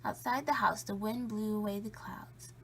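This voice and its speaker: A woman reading a children's story aloud in a playful, spooky way, with drawn-out emphasis and a creaky edge. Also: medium pitch, fairly even intonation, pushed and bright, slight background noise, low-quality recording. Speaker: storybook reader.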